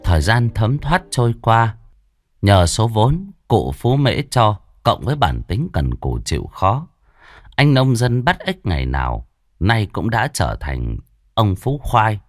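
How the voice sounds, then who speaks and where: Brief: male storyteller, low voice with lively rises and falls, dry sound. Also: slow pace, no room sound. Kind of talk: ghost story narration.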